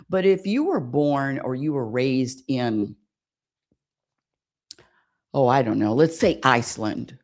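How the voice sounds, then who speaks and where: A woman with a very deep, slightly mellow voice hosts a spirituality radio show from the United States. Her monologue is repetitive and searching, and she often asks listeners to affirm what she says.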